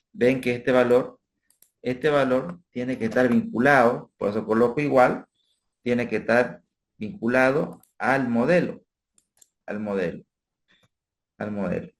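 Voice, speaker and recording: A man giving a recorded finance class over a spreadsheet, explaining step by step and checking in with his students with frequent tag questions. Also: mid-range voice. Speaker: instructor. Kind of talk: spreadsheet tutorial lecture.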